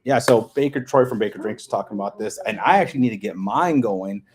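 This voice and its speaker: A man's voice: fairly low pitch, expressive, quick pace. A man hosting a casual livestream, rambling and repeating words as he reads and answers comments. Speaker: livestream host. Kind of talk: casual livestream chat reading viewer comments. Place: hotel room, indoors.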